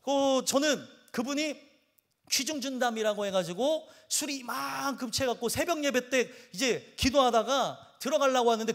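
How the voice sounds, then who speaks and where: High-voiced pastor preaching with humor. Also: male voice, in a large hall. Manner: humorous storytelling, acting out quoted voices. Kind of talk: sermon. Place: church sanctuary.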